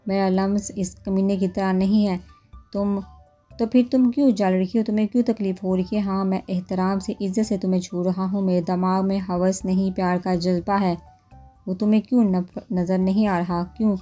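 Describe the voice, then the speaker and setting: A woman's voice: medium pitch, flat delivery, dark tone, faint music behind, natural voice. A woman reading a storybook novel, voicing an obsessive, possessive young man who speaks fiercely.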